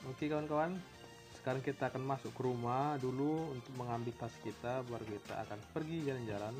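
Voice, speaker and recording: A man's voice: medium pitch, brisk, music in the background. A man from Indonesia doing playful let's-play game commentary, making engine noises and mixing in English words. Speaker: gamer.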